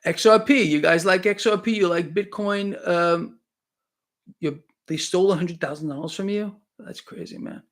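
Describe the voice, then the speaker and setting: A man's voice: high-pitched, normal speed, a bit bright. A man in his late fifties hosting a live stream, commenting on markets in a fervent, preachy way, with many restarts and repeats. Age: 50s. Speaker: financial livestream host. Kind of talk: unscripted live-stream commentary, reading chat.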